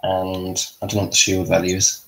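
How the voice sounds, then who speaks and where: A man's voice: low-pitched, monotone, a little fast, vocal fry, low-quality recording. A man chatting casually as a player during a tabletop game. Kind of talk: casual chat. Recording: loud background noise, clicks.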